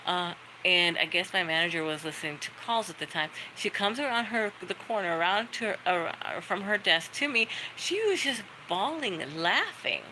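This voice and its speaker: A middle-aged livestream host rambles happily through stories for her viewers, friendly and talkative, with dogs barking behind her. Her fairly low voice is expressive, pushed and bright, running at normal speed with hardly any pauses. The recording is low quality, with a little hiss or hum.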